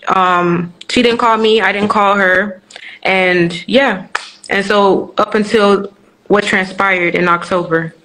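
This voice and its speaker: A woman's voice: medium pitch, fairly even intonation, takes it slowly, fairly bright tone, a little hiss or hum, low-quality recording. A woman in her twenties, from Nigeria, speaking candidly as a guest on a live-streamed interview, telling her story with many restarts and fillers. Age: 20s.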